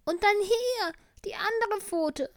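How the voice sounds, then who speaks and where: A tiny, sickly tiger cub from a children's storybook, voiced by a woman, whimpering his complaints in a very high, squeaky voice. He drags his words out slowly and plaintively. The sound is close and dry. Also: lively intonation, dry recording, exaggerated voice. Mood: whiny, sickly. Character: little male tiger cub, sick and whiny.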